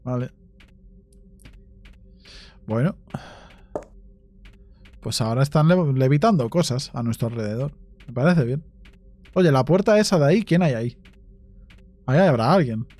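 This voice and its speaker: Jumpy Spaniard narrating a horror game. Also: male voice, medium pitch, animated, measured pace, long pauses, a little mellow. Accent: Spain Spanish. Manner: jumpy, swears, talks to himself. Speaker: gaming YouTuber. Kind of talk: horror game let's play commentary.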